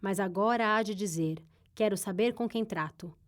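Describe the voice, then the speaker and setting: A woman's voice: mid-range voice, moderate pace, close to an everyday voice. A woman voicing a cold, wary male hired gunman who speaks curtly and guardedly.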